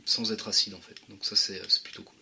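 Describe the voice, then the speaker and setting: A man giving a casual product review, talking in a slangy, halting way with many restarts. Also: on the low side, level tone, vocal fry, noisy background. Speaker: vape juice reviewer.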